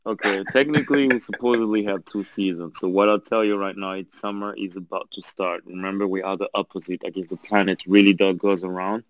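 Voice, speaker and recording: A man's voice: deep voice, fairly even intonation, a little fast, hardly any pauses, slight background noise, poor audio. A man from Angola calling in as a podcast guest over a remote line that breaks up, chatting casually and chuckling as he explains. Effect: remote call line that breaks up. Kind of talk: casual chat. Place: calling in from home city far away.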